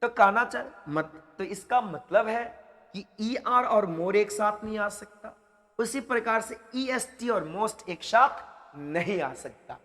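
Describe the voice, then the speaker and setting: A man teaching English grammar for exam preparation, explaining each rule slowly and repeating key phrases several times. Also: sits high, expressive, fairly bright tone, big-room sound. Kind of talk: exam-prep grammar lesson.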